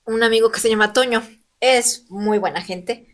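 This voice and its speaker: A woman, in her thirties, telling her personal story as an interview guest, earnest and animated. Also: on the high side, moderate pace. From Mexico. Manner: earnest, animated, acts out quoted voices. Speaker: interview guest, elected local legislator.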